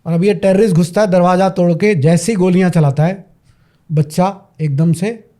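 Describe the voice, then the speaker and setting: A man's voice: high-pitched, steady tone, moderate pace, mellow. A man, a podcast guest telling a story dramatically and repeating lines for emphasis. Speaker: podcast guest, parenting coach.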